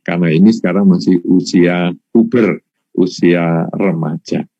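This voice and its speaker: A man on an online talk show giving measured advice point by point. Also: sits low, dark tone, no room sound, lo-fi sound. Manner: measured, gives points in numbered order. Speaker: panelist answering audience questions.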